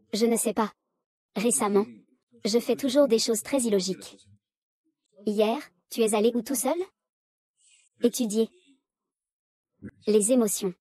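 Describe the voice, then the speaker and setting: Woman, dubbed drama dialogue, one voice for every part, slightly high pitch. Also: dark tone. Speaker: voice-over reader of a drama recap.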